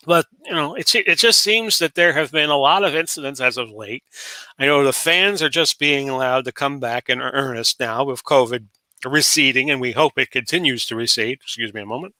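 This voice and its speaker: Rambling through a solo talk show, this late-forties podcast host from Florida leans on fillers and restarts constantly. He speaks at a normal pace, his ordinary-pitched voice carrying a bright, forceful edge. The recording is close and dry, with almost no room sound and no echo.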